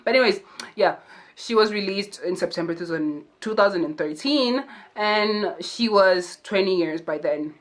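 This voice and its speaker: A young woman telling a true crime story to camera in a casual, chatty way, full of "like" fillers and slangy asides. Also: mid-range voice. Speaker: true crime and makeup YouTuber.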